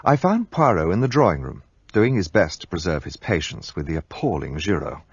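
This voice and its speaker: A man narrating in the first person in a radio play, calm and reflective. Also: low-pitched, brisk, breathy edge, no echo, highs cut off.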